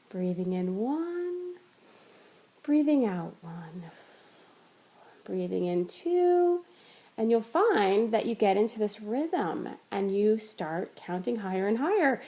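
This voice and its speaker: A woman in her thirties talks through meditation tips in a friendly, upbeat vlog. Her voice sits a little high, and her chatty, conversational delivery keeps it relaxed and personal. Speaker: meditation teacher sharing tips.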